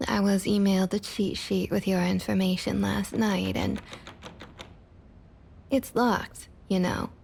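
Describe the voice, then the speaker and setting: In an ASMR roleplay, a woman plays a smug, condescending vampire councilwoman with a Southern US accent, her falsely sweet, breathy delivery often sinking to a near whisper. Her medium-pitched, slightly mellow voice is a full character voice, sounding mock hurt and coaxing in this intimate scripted monologue.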